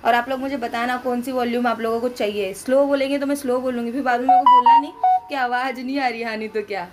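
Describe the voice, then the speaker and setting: Young indian woman doing a loud chatty home vlog voiceover, slightly high voice. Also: steady tone, fast, loud music behind the voice. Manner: talks loudly and chattily to viewers. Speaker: family vlogger. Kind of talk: casual home vlog voice-over. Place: at home, indoors.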